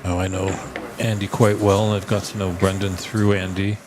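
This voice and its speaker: A man's voice: sits low, level tone, moderate pace. A man with a Canadian accent giving casual live snooker commentary with dry banter. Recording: noisy live venue sound.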